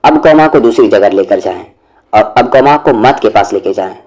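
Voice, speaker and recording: A man teaching Quran recitation rules, explaining patiently step by step and reciting verses slowly and melodically. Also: lowish voice, animated, a little mellow. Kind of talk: explanatory tajweed lesson with recited examples.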